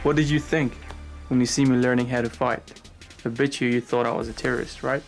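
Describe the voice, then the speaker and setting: A young university student from Afghanistan talks earnestly yet casually in a documentary interview and street chat. His mid-range voice keeps a steady tone at a slightly fast pace, with faint music behind him.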